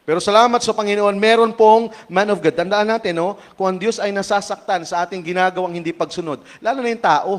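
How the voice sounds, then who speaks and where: A man with a Filipino accent preaching a sermon. He mixes Tagalog and English, often ends sentences with a questioning "no?", and swings between quiet asides and loud, emphatic passages. He reads King James verses slowly and forcefully. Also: high-pitched.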